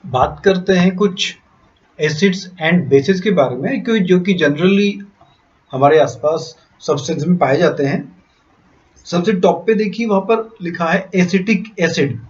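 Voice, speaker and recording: A man's voice: sits high, unhurried, lo-fi sound. A man teaching a science class, going down a list and asking the class questions. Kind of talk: classroom lecture in Hinglish.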